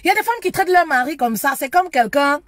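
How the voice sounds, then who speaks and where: A woman's voice: high voice, expressive, fast talker, fairly bright tone, no room sound. A woman giving preachy marriage advice to women. She talks emphatically and keeps repeating herself with many affirming yeses. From Africa.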